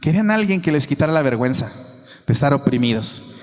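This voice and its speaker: Emphatic Mexican pastor in echoing church. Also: male voice, medium pitch, animated, fast, darkish tone. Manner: emphatic, repeats phrases for stress. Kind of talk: sermon. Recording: long reverb of a church hall.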